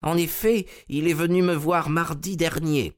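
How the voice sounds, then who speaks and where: Guy doing a shy old collector, higher voice, polite, stammers a bit. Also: fairly even intonation, a little slow, close to an everyday voice. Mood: meek. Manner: meek, polite, a little stammering. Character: timid elderly male collector, eager and deferential.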